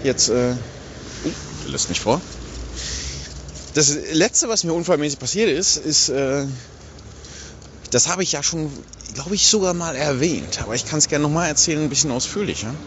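A man's voice: on the high side, lively intonation, normal speed, pauses often, a bit bright. A man telling a casual anecdote in a recorded segment, playing out the other voices in his story. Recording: dull lo-fi recording with faint vehicle noise.

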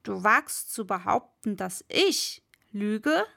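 Woman reading as a bullying castle lord, slow and scolding, storybook villain. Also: mid-range voice, animated, gravelly, sharp tone, full character voice. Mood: domineering. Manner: domineering, scolding. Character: harsh cruel male castle lord.

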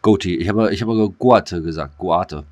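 A man co-hosting a podcast chats casually in a low, darkish voice at a slightly slow pace. He rambles, with lots of fillers, restarts and crude slang.

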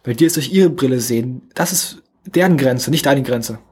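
A young man hosts a motivational solo podcast, talking directly to his listeners in fast, slightly mumbled casual speech that comes out a bit slurred. His average-pitched voice has a husky, slightly breathy edge and a darkish tone.

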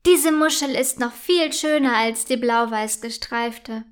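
A woman's voice: fairly high pitch, a little slow, smooth, natural voice. A woman doing a bossy, bragging big-sister girl. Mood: bossy, boastful. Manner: teasing, stubborn, bragging.

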